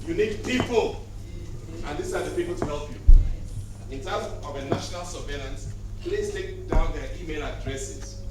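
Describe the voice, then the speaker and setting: In a very noisy recording, a man with a voice on the high side speaks at normal speed during a conference talk in an echoey hotel hall. He tells jokey anecdotes and acts out the people in them. His handheld mic is later set down, so he ends up far from it.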